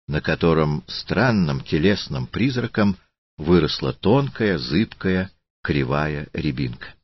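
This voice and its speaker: A man reading a literary audiobook in a slow, deliberate, solemn manner. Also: low-pitched, muffled recording. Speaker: audiobook narrator.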